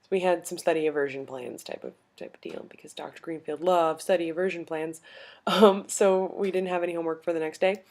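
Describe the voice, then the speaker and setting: A woman's voice: on the low side, fairly even intonation, brisk, darkish tone. A woman in her twenties from upstate New York, rambling through a casual storytelling vlog. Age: 20s. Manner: rambling, many fillers and restarts. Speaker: vlogger.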